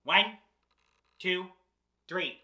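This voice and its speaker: Speaking extremely slowly at medium pitch with a sharp tone, a drag storyteller reads aloud to kids and chats as presenter, all theatrical and playfully exaggerated. The setting is a small indoor set, with the speaker seated in an armchair, and the sound has a roomy echo.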